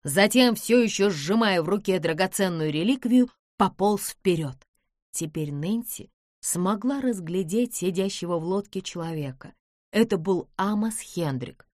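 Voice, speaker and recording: A woman reading an audiobook in steady storytelling narration. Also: medium pitch, unhurried, no echo, clean studio sound. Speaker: audiobook reader.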